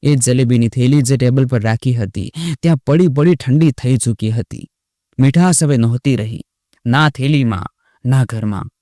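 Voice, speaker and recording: A man narrating a sad story in a slow, solemn scripted way. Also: medium pitch, warm tone, dry recording, studio quality.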